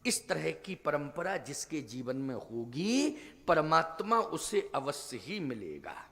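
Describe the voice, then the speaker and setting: A man giving a devotional sermon, declaiming forcefully and then dropping to low asides, now and then chanting a scripture verse slowly. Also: very animated, big-room sound. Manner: emphatic, swings from loud declaiming to low asides. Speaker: preacher of a Ram Katha discourse.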